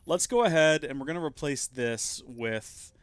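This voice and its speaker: A man's voice: fairly high pitch, normal speed, smooth, no room sound. A man giving casual, jokey gameplay commentary as a streamer, thinking aloud as he plays. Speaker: game streamer.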